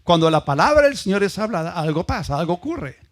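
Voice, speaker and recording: Man, Peruvian Spanish accent, pastor, emphatic sermon, rather high voice, stacks words in lists. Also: very animated, quick pace. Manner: emphatic, repeats ideas in lists, asks the congregation questions.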